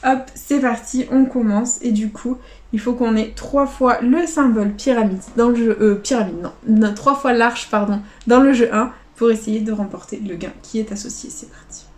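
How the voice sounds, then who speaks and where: A woman casually commenting as she scratches lottery tickets, calling out letters and numbers one by one, often quietly. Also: a little high, normal speed, echoey room.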